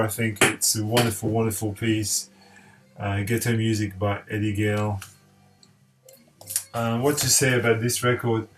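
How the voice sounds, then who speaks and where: A man's voice: medium pitch, a bit bright. A man from eastern France, reviewing records in a casual vlog, hesitant with many fillers, repeating his praise with enthusiasm. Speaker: record collector.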